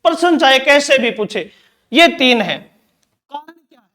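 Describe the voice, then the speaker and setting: A man's voice: very high voice, very animated, unhurried, bright, forceful tone. A man teaching Hindi grammar in an exam-prep lecture, asking questions and answering them himself, repeating key terms.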